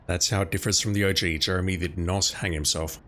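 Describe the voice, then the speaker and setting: A man's voice: deep voice, fairly even intonation, fairly quick, pushed and bright, a little hiss or hum. A man giving casual playthrough commentary as a game streamer, explaining things in a wry, sweary way. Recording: faint game ambience behind voice.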